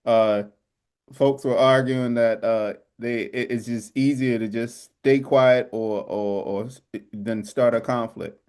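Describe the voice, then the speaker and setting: A man's voice: mid-range voice, fairly even intonation, slow, a little mellow, clear, resonant tone. A man hosting a casual podcast debate, hedging and insisting he is only relaying other people's points. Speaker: podcast host.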